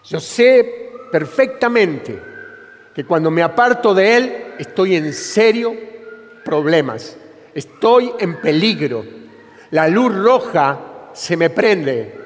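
Emphatic high-voiced Rioplatense preacher, slow. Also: male voice, lively intonation. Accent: Rioplatense Spanish. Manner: emphatic, repeats phrases for stress. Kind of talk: sermon. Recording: long reverb of a church hall.

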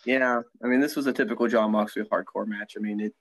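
A man's voice: fairly low pitch, steady tone, quick pace, a bit bright, no echo, rough recording. A young man co-hosting a podcast in casual chat, talking easily with frequent ums and laughs. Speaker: podcast co-host. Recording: dry close sound.

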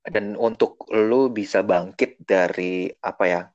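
A man's voice: fairly low pitch, measured pace, a little mellow, no room sound. A man hosting a casual interview, prompting and summing up his guest's points. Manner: encouraging, sums up and prompts. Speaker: host. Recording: dull, dry lo-fi recording.

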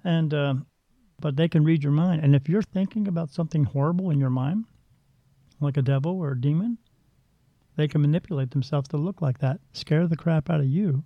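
A man who works as a psychic medium tells stories bluntly and ramblingly, often restarting, in a casual interview. His voice is on the high side and brisk, and the recording sounds dull, lo-fi and dry.

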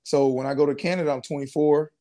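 A man's voice: on the high side, quick pace. Laid-back young man telling his story. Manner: relaxed, casual slang, many fillers and restarts. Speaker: guest, former pro football player. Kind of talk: casual interview storytelling.

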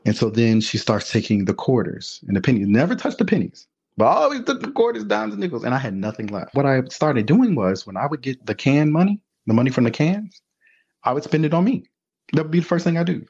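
A man shares personal stories in a relaxed conversation, his husky voice swinging up and down as he acts out the people in them. The sound is dull and slightly lo-fi. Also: medium pitch. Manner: animated, acts out voices in quotes. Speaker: podcast guest. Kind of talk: candid storytelling in conversation.

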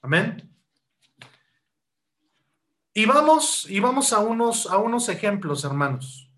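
A man with a high voice preaches a sermon, firing rhetorical questions at the congregation and addressing them as brothers. He moves between loud rising bursts and slow, deliberate stretches when he explains a point. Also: sing-song. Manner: rhetorical questions, keeps calling hearers "hermanos". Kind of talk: sermon teaching.

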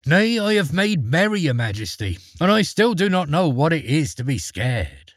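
A fearless, cheery young lad, voiced by a male storyteller with a husky edge and a dry, close sound. He speaks plainly and sounds unbothered by anything. His lines swing up and down with a lot of melody. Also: a little high, big pitch swings, moderate pace, no room sound, voice pushed up. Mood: cheerful. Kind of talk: storybook character voice.

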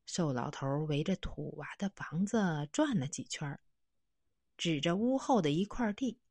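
A woman narrating a children's story in an expressive, animated way. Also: sits low, moderate pace, husky, no echo.

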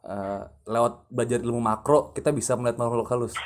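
A man's voice: medium pitch, fairly quick. A man hosting a casual chat, cutting in with questions and jokes. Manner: joking interjections.

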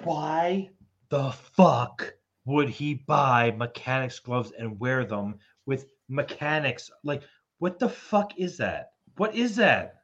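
A man's voice: mid-range voice, expressive, slow pace, fairly bright tone, highs cut off. A man in a casual comedic chat, ranting in disbelief and swearing freely. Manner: profane, incredulous ranting.

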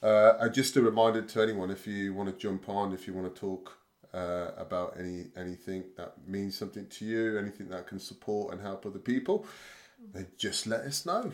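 Male podcast host, low voice, casual, hesitant and rambling. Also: fairly quick. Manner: rambling, hesitant with many fillers and restarts. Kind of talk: casual chat.

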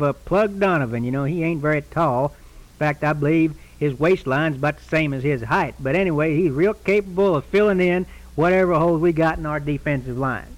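An actor playing a rambling, folksy older football coach who drawls in loose grammar in a radio comedy sketch. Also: male voice, a little high, close to an everyday voice, low-quality recording. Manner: drawling, ungrammatical, meandering.

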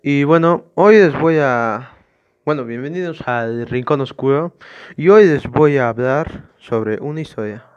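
A man telling his own horror story on his podcast. His narration is measured, with relaxed, halting asides in between. His voice sits at an ordinary pitch in a dry, close recording. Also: clear, resonant tone, no echo, muffled recording.

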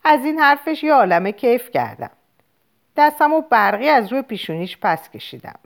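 A woman reading a novel aloud in first person, in an expressive, conversational storytelling manner. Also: on the high side, vocal fry. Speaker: audiobook reader. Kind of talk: audiobook narration in first person.

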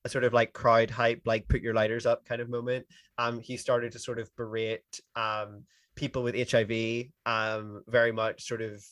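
A man's voice: mid-range voice, completely flat delivery, normal speed, fairly bright tone, no echo. A young Irish man co-hosting a podcast, rambling casually with lots of fillers. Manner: laughing, rambling with many fillers. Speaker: podcast co-host reading the news. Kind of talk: casual chat.

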